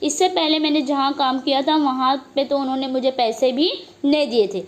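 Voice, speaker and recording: A woman's voice: high-pitched, fairly even intonation, normal speed, slight background noise, lightly acted. A woman reading the part of a timid young governess who speaks in a fearful, trembling voice.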